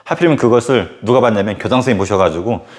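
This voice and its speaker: A male history teacher tells a story casually during a lecture, animated and full of fillers. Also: fairly low pitch, rapid-fire.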